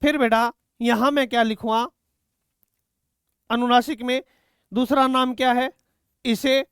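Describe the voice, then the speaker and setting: A man teaching a Hindi grammar lesson for exam students, repeating key words slowly and calling his students "beta". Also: extremely high pitch, steady tone, a bit bright, smooth, no room sound, clean studio sound.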